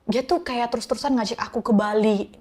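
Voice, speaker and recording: A woman's voice: fairly high pitch, fast, darkish tone. A young woman from Jakarta telling her personal story in a casual podcast chat, acting out quoted lines and laughing often. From Jakarta, Indonesia.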